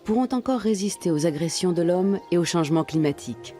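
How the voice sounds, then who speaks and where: A woman reading scripted documentary narration in a measured, even way. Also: on the low side, faint music behind.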